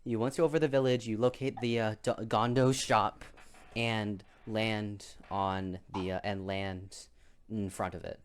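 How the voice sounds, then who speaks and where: A young man narrating a tabletop game as game master, halting and restarting often. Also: lowish voice, fairly even intonation, clean tone. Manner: halting, many restarts and fillers.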